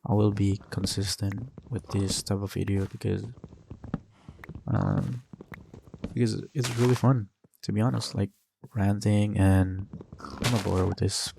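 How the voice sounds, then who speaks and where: Against a noisy background, a young Indonesian-accented gaming host talks loosely as he plays, leaning on fillers and restarts. His lowish, gravelly voice has little pitch movement, a measured pace, and long pauses.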